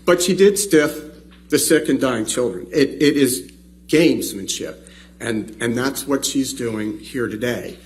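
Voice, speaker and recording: A man's voice: mid-range voice, a little slow, slight background noise. A man arguing as a trial attorney, heard in a courtroom recording, emphatic and indignant, often doubling words as he presses a point. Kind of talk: formal courtroom argument.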